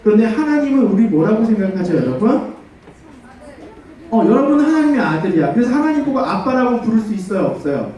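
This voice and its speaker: A man giving a children's sermon as pastor, animated and full of questions for the kids, leading them in call-and-response. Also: high-pitched, fairly quick. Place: church hall. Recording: echoey church hall, far from mic.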